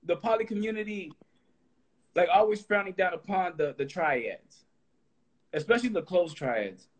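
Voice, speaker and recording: A husky-voiced man in his late thirties hosts a laid-back interview. His voice sits high for a man, and he talks loosely, tripping over repeated words before finding his point. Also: normal speed. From Texas. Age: 30s. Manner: loose, animated, repeats words when starting. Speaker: host. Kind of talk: casual interview chat.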